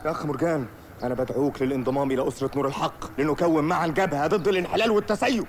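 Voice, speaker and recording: An actor playing a sanctimonious young Egyptian preacher. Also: male voice, on the high side, racing, slight background noise, natural voice. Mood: preachy. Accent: Egyptian Arabic. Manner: preachy, formal phrasing. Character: earnest young male preacher, sanctimonious student leader. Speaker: student group leader. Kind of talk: comic film acting.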